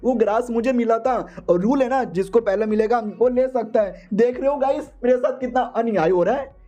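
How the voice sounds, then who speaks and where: A man's voice: high-pitched, normal speed, mellow, close to an everyday voice. A man voicing a sleazy, scheming male cultivator villain who plays innocent, whiny and theatrical.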